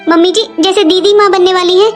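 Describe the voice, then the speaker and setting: A performer voicing a sad, pregnant young daughter-in-law who pleads and complains softly in a cartoon story. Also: very high voice, steady tone, fast, music in the background. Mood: plaintive. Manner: plaintive, pleading. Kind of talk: animated cartoon voice acting.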